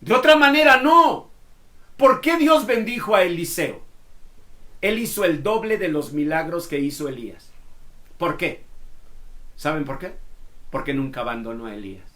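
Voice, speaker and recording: Dramatic preacher, loud then hushed. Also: male voice, a little high, animated, a little slow, long pauses. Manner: dramatic swings from loud exhortation to hushed near-whispers. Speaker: pastor. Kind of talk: sermon.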